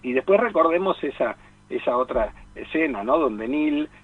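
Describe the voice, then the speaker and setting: A man with an Argentine Spanish accent and a gravelly, fairly high voice swings wildly in pitch as he delivers conversational film commentary on the radio, where he's a team member and film columnist. He digresses, hesitates and often asks tag questions for agreement. The audio is narrow and tinny.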